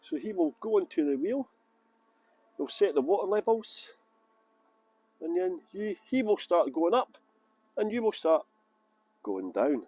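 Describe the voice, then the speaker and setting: A Scottish tour guide from Edinburgh jokes with his group outside near a canal boat lift, playfully mocking pronunciations. His high, husky, mellow voice is very animated, moving at a measured pace with long pauses.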